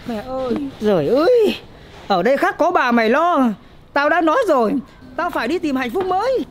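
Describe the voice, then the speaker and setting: A woman's voice: high voice, very animated, moderate pace, a little hiss or hum. A brash selfish young mother. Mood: defiant.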